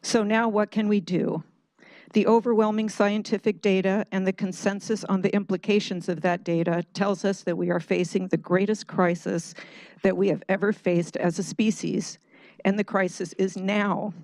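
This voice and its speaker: Kindergarten teacher lady pleading at a board meeting, bit of fry in her voice, dry close sound. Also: medium pitch, fairly even intonation, normal speed, darkish tone, no echo, rough recording. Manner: earnest, pleading, reads a statement. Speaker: public commenter, kindergarten teacher. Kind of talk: prepared public comment. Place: public board meeting room.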